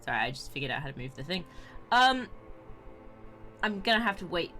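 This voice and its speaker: A woman's voice: lowish voice, very animated, a little fast. A woman streamer giving playful, casual commentary as she plays a video game. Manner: playful, swings from muttering to loud exclamations. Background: music.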